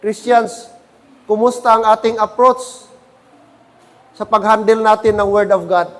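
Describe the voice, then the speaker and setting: A man's voice: high-pitched, steady tone, measured pace, fairly bright tone. A man preaching a sermon in church, often asking the congregation "Amen?". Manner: preaching with frequent calls for "Amen?". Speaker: pastor.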